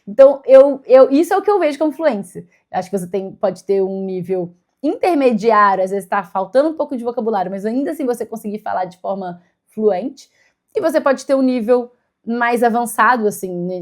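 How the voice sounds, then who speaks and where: A Brazilian woman talking casually to camera about learning English, thinking aloud as she explains step by step. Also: a little high. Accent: Brazilian Portuguese.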